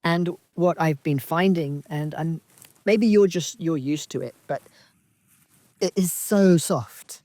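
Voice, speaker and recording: Meditation teacher lady from zambia, slow thoughtful dharma talk, mellow dry voice. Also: low-pitched, no room sound. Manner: slow, halting, reflective with many pauses. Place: outdoor retreat in wilderness.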